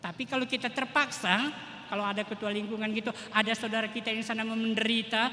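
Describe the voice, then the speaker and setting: A man's voice: high voice, flat delivery, fast, bright, forceful tone. Man preaching a sermon in church, emphatic, long echo, faint hiss behind. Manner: emphatic preaching, tag 'toh' often. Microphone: livestream mic in church. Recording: echoey church hall, faint noise.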